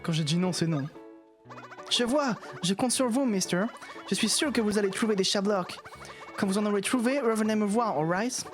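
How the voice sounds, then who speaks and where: A woman's voice: mid-range voice, moderate pace, faint music behind, close to an everyday voice. A woman voicing a snooty male block collector from a video game, speaking French sprinkled with mock-posh English words. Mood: polite, coaxing. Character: snooty male block collector, impatient boss of Bowser's world. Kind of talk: reading game dialogue aloud in voices.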